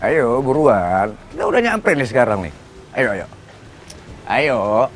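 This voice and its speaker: An actor playing a slick male trafficker who poses as a job agent, bossy and hurried, always urging people on. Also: mid-range voice, big pitch swings, big-room sound, faint music behind. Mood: impatient. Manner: bossy, hurried, sneering, keeps urging "ayo".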